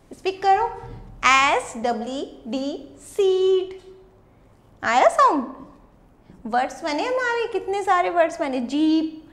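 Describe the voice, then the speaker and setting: A woman's voice: sits high, echoey room. A woman teacher with an Indian accent running an online phonics class, sounding out words letter by letter.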